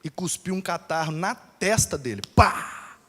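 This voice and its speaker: A pastor telling a lively personal story in a sermon, acting out the people in it. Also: male voice, high-pitched, moderate pace. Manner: animated, acts out voices in his story. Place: church hall. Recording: long hall reverb.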